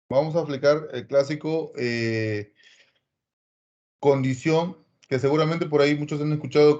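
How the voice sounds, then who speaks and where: A man teaches trigonometry with lively energy and coaxes his students along by name. His voice sits a little high, and he often slips into quick imagined replies from his class. The audio is dull and lo-fi. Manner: addresses students by name, coaxing. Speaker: math teacher.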